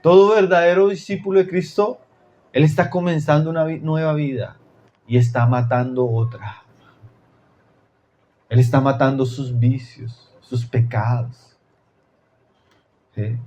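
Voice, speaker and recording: A man from Chile preaching a sermon, addressing his listeners as brothers and dropping to low, intense tones for emphasis. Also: steady tone, a little slow, pauses often, darkish tone.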